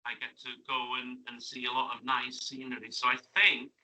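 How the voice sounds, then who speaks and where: A middle-aged man talks easily with students in a classroom radio interview. His voice is very bright and ringing at an average pitch. He chats warmly and keeps ending with little tag questions. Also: completely flat delivery, moderate pace, rough recording. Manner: friendly, chatty, asks lots of tag questions. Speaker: guest. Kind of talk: casual interview chat.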